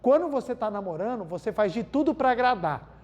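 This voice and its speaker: A man's voice: very high-pitched, lively intonation, fairly quick, a little mellow. A man with a Brazilian accent giving a spiritual talk full of everyday stories, often calling out to his audience and repeating key lines for emphasis. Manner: keeps addressing the audience as "gente", repeats key phrases for emphasis. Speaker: spiritual lecturer.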